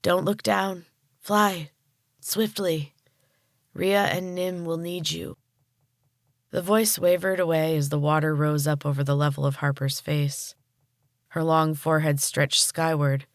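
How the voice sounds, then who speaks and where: A woman podcast host narrating a storybook chapter in a calm, measured way. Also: deep voice, no echo, clean studio sound.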